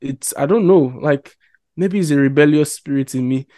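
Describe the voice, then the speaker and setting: A young man talks through his thoughts slowly, hedging with fillers as he works out what he means. His voice is mellow and soft-edged. The recording is dry and close, with no room sound. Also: on the high side, no echo. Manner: reflective, hesitant, thinks aloud with many fillers. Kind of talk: casual chat.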